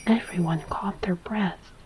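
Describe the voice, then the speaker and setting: A woman telling a scripted story as gentle, deliberate whispered ASMR narration. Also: fairly low pitch, music in the background.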